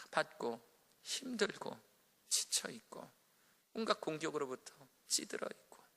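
A man in his thirties preaching a sermon as a pastor, telling a story and swinging between loud emphasis and hushed, near-whispered prayer. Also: on the high side, creaky. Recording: echoey hall reverb.

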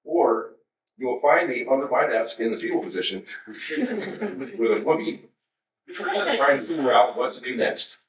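A man in his fifties from the United States gives a conversational keynote in a large darkened conference hall, adding wry asides to the audience. His mid-range voice is animated, a little slow, and pauses often, picked up from a distance with roomy hall sound.

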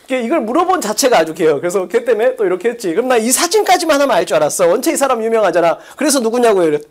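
A woman lecturer teaching an online exam-prep class in a brisk, drilling manner, asking quick check-questions and dropping chatty asides. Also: on the high side, sing-song. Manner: casual, chatty asides with laughs.

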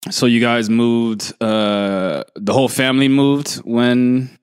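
A man's voice: mid-range voice, fairly even intonation, slow pace, clear, resonant tone, no room sound, clean studio sound. A man hosting a casual interview, blunt and curious, swearing freely as he asks questions. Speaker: podcast host.

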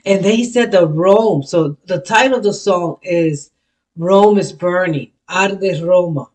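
A woman's voice: on the low side, slow pace, darkish tone. Bilingual woman reacting to rap. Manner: switches between Spanish and English, explaining lyrics; thinks aloud, restarts and self-corrects. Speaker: reaction video host. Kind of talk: casual reaction commentary.

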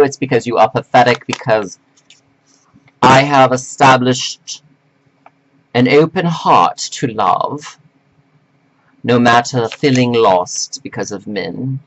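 A man delivering a slow, preachy, scolding monologue to men, reading from notes with sudden jumps in pitch. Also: a little hiss or hum, low-quality recording. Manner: reads from notes. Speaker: self-styled life coach addressing men. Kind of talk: lecturing monologue to camera.

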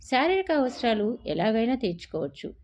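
A woman voicing a young man who speaks in a measured, reflective way. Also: fairly high pitch, sing-song, a little mellow, slight background noise. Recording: dull lo-fi recording.

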